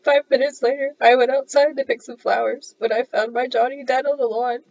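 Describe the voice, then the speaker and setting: Gravelly-voiced woman reading her story. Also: high-pitched, a little fast. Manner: animated, playful storytelling. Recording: dull lo-fi recording.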